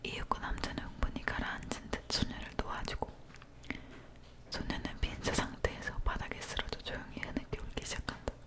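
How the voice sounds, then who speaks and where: Woman leaning in to whisper, breathy ASMR. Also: fairly quick, fairly bright tone. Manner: leaning in to whisper, close to the ear. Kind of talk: ASMR whispered reading of a dark story. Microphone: close ear-to-ear microphone.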